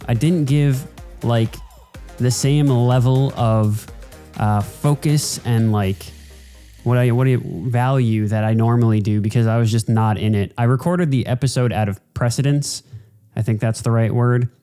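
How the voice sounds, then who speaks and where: A man's voice: mid-range voice, steady tone, unhurried, mellow, faint music behind. A man hosting a casual solo podcast, talking in an informal, rambling, sweary way. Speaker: podcast host.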